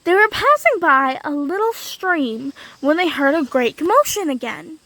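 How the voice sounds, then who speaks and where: High bright-voiced woman telling a story. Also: unhurried, dry recording, rough recording. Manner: lively, unscripted, repeating phrases with small slips. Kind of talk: casual storytelling.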